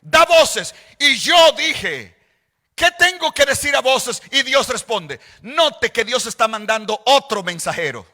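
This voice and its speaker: A male pastor preaching a sermon, slow and deliberate, repeating phrases and rising to shouts on quoted scripture. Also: high-pitched, big-room sound. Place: large church hall.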